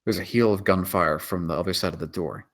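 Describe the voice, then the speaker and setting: At a table read, a man reads stage directions aloud as scripted screenplay narration. His voice is low and fairly bright, going a little fast.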